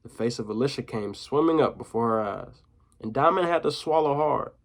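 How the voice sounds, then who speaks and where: A man reading a children's chapter book aloud in a mid-range voice, lively in places. He breaks off for relaxed, slangy comments to young listeners. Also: mid-range voice, a little fast, vocal fry. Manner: casual, slangy asides to listeners. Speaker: teacher.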